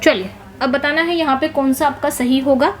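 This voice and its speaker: A woman teaching an English exam-prep lesson, explaining answers step by step and reading English phrases slowly. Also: high-pitched, fairly even intonation.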